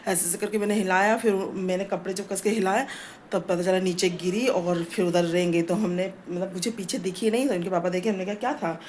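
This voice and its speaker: A woman's voice: on the low side, steady tone, a little fast, a little mellow, slight background noise. A middle-aged woman chatting casually in a home vlog, rambling with many fillers, recorded indoors on a phone. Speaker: family vlogger.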